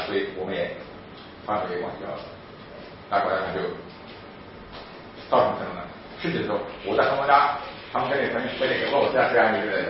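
A man giving a lively sermon-style talk on parenting, laughing often and acting out children as he goes. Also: mid-range voice. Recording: very echoey, dull lo-fi with faint noise.

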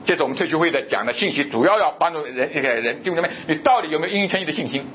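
A man preaching a sermon, asking questions and answering them himself, and reading scripture aloud slowly. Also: a little high, lively intonation, lo-fi sound, slight background noise. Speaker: pastor.

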